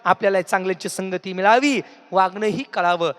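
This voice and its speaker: A man's voice: sits high, moderate pace, fairly bright tone. A man preaching a devotional kirtan, questioning the crowd and breaking into song. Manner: questioning the audience, singsong. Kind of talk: devotional sermon with call-and-response. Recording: echoey hall reverb.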